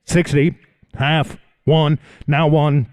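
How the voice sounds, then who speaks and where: A male livestock auctioneer delivers a rhythmic, repetitive bid-calling chant. His voice is clean and resonant, sits a little high for a man, and holds close to one steady note. The sound is dry and close. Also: takes it slowly, dry recording. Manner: repetitive, rhythmic sing-song patter. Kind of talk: auctioneer chant, rapid repeated bid numbers and filler words.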